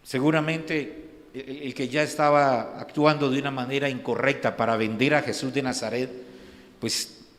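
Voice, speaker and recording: Pastor preaching in a reverberant church. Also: male voice, medium pitch, steady tone, normal speed, a bit bright. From Colombia. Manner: conversational preaching, frequent rhetorical questions and restarts. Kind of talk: sermon. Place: church sanctuary.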